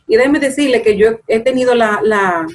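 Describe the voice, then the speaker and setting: Guest: woman, earnest, mid-pitched, sermon-like talk on faith. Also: normal speed. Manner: preachy, earnest, acts out quoted complaints.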